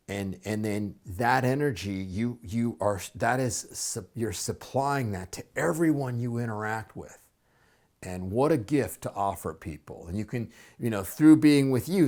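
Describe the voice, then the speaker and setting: A man with a fairly low voice talks calmly and reflectively, offering advice in a solo video. His speech is loose and unhurried, full of fillers and restarts as he works through his thoughts. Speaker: psychotherapist and coach. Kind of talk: solo advice talk to camera.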